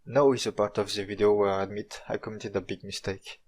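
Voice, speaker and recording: A man's voice: fairly low pitch, level tone, a little fast, a little mellow. A man with a French accent, a native French speaker, narrating an informal video story in a dry, tongue-in-cheek manner. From France.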